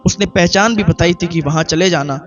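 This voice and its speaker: A man's voice: sits high, muffled recording, faint music behind. A man preaching a sermon in Urdu, telling a moral story and acting out the characters' dialogue.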